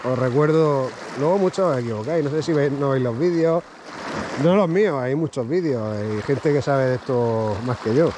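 Fisherman, excited shoreline commentary. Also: mid-range voice, normal speed. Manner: excited running commentary, talks to the fish. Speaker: fishing vlogger. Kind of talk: casual talk to camera while fishing. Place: rocky seashore outdoors at dawn. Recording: outdoor wind and sea noise. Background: waves and water noise.

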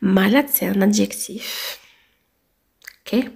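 A woman teaching French grammar, drilling example sentences and repeating words slowly. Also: medium pitch, gravelly, darkish tone, breathy edge. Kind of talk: explaining French grammar to learners.

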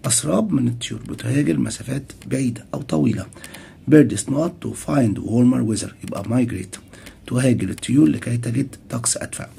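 A male English teacher with an Egyptian Arabic accent talks through a textbook lesson. His voice is gravelly and dark. He reads English phrases slowly and then translates them quickly, with a faint hiss behind him. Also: medium pitch. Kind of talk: classroom lesson explaining a textbook.

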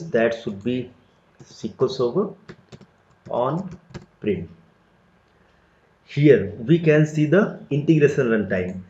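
Man walking through a software tutorial. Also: mid-range voice. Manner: step-by-step, plain explanatory delivery with frequent "so" and "let me". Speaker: tutorial instructor. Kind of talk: screen-recorded software tutorial. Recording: roomy, dull lo-fi recording.

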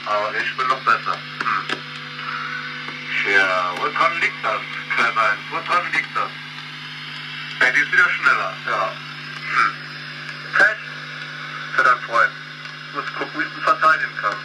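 A man on CB radio, trading threats and insults in slow, drawn-out taunts. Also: medium pitch, expressive. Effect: heard over CB radio. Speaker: CB radio operator. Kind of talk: hostile radio banter. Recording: loud static CB radio transmission.

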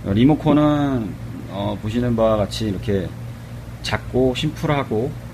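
In a car workshop, a presenter from a car accessory shop gives a casual demonstration of a car alarm remote, recorded on a camera microphone with a noisy background. He explains plainly and unhurriedly in a mid-range voice, with many hesitant fillers.

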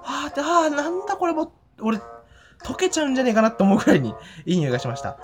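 Giddy, rambling man with lively pitch. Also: very fast, over music. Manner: frequent giggles and fillers. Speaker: fan vlogger. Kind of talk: casual event report vlog. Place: at home after the event.

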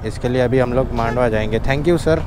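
A young man vlogs from his motorbike as he rides along highways and town roads, chatting casually and slipping in English phrases. His mid-range voice comes across brisk over a noisy background with music, captured on a helmet or bike-mounted action camera.

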